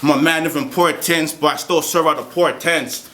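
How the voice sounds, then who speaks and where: A man delivering a confrontational battle rap verse live, steady rhymes with the odd stumble and laugh. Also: on the high side, normal speed. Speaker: battle rapper. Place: live battle rap event in a roomy venue. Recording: roomy live venue with crowd noise.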